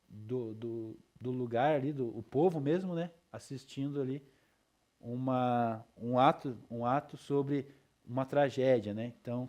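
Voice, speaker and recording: A man's voice: medium pitch, dark tone. A male teacher lecturing his class in a loose, chatty way, with frequent tag questions and checks for understanding.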